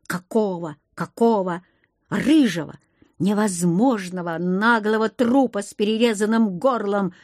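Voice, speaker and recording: A woman reading an audiobook, voicing a furious, gruff young male commander who scolds and shouts. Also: medium pitch, animated, unhurried, no room sound, clean studio sound.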